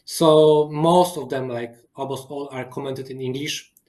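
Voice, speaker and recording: A guest engineer whose first language is Polish joins a live webinar demo and Q&A over a video call, his phrasing halting and full of restarts. His voice is medium-pitched, steady in tone and a little mellow.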